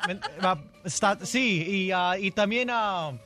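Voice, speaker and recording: A man telling a joke on a radio show, halting and searching for words, mixing in English. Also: sits high, sharp tone. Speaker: comedian guest.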